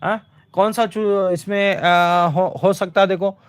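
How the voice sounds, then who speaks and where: A man walking through exam questions as a teacher, asking a question and answering it himself, with many fillers. He slows right down to read English lines word by word and keeps urging viewers to comment quickly. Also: high-pitched, steady tone.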